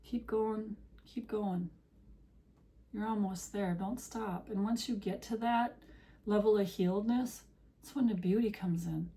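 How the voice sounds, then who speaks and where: A woman's voice: medium pitch, normal speed, mellow. A woman tarot reader speaking straight to her viewers in an earnest, preachy monologue of encouragement, her voice getting worn. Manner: earnest, preachy, direct address. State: losing her voice.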